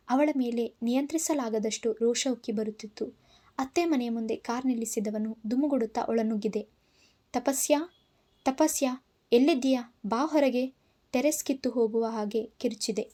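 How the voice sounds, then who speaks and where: A woman narrating a story in an expressive, dramatic reading. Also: fairly high pitch.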